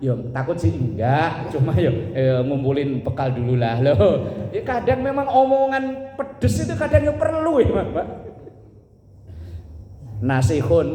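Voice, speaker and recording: The voice is a middle-aged man, a little high-pitched but mellow in tone. He tells jokey stories in a mosque sermon, acts out other people's lines and sometimes breaks into sudden loud bursts. The sound rings out with a long, echoing reverb from the hall. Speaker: preacher.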